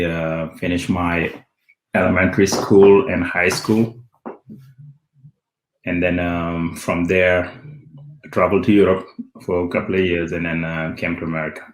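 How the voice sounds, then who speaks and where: A very low-voiced man from Senegal answers questions as a guest on an interview show. He talks in a relaxed, halting way, with many pauses and fillers. His voice sounds echoey, as if in a reverberant room. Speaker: guest, company CEO.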